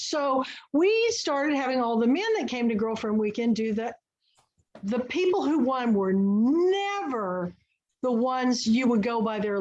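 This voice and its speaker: Her voice on the high side and a little mellow, a woman hosts a casual online book and film club on a video call. She's an eager, chatty storyteller, and the audio sounds dull.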